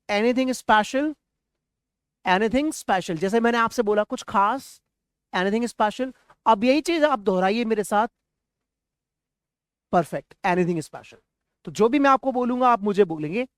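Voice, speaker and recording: High-voiced man teaching phrases. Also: no room sound, clean studio sound. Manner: coaxing, slows down sharply for English phrases. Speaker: spoken English teacher. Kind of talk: energetic classroom-style lesson, drilling phrases for repetition.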